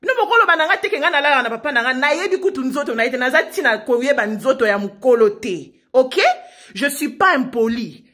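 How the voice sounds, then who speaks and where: High-voiced woman, fervent appeal. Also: animated, a little fast, pushed and bright. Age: 20s. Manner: insistent, repetitive, rhetorical questions, stumbling restarts. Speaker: provincial deputy denouncing her parents. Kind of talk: impassioned public appeal.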